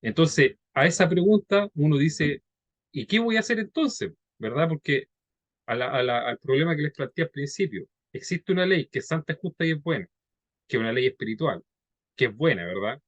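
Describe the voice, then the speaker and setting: A male preacher giving a conversational teaching sermon, checking in with his listeners by often asking "¿ya?" and "¿verdad?", and reading scripture slowly. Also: on the high side, dry recording, highs cut off. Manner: reads scripture slowly and deliberately.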